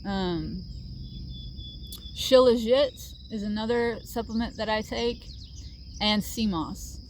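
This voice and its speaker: A woman's voice: fairly high pitch, takes it slowly, a little hiss or hum. A middle-aged woman talking casually to camera about her healing journey, earnest and reflective, with many fillers. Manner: earnest, reflective, with frequent fillers and soft laughs. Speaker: vlogger sharing a healing journey. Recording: faint outdoor ambience with crickets.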